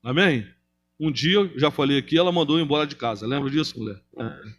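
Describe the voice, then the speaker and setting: Man, Brazilian Portuguese accent, pastor, sermon, dramatic loud-soft delivery, rhetorical questions. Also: fairly high pitch, brisk, a little hiss or hum. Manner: dramatic preaching, swings from loud to hushed, rhetorical questions to congregation. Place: church.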